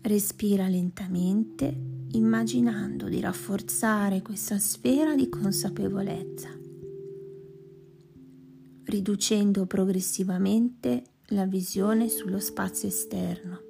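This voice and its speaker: A woman leading a guided meditation in a slow, soft voice that often sinks to a whisper. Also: mid-range voice, steady tone, vocal fry. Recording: music playing behind voice. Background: plucked guitar music.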